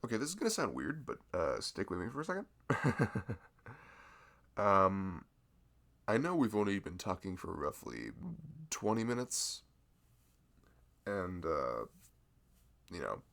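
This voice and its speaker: In a casual audio roleplay, a man plays a bashful young male florist in a full character voice that is low and gravelly yet rises and falls in lively swings. Unhurried and pausing at length, he rambles sweetly and apologetically to the listener, nervous, earnest, flustered, and putting himself down.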